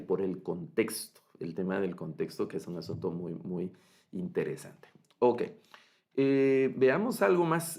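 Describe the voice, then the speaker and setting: A man's voice: lowish voice, gravelly, a little mellow. A man teaching a Bible Hebrew master class, explaining step by step and often checking in with his students. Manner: explains step by step, frequent fillers and restarts, checks understanding. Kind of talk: online master class lecture.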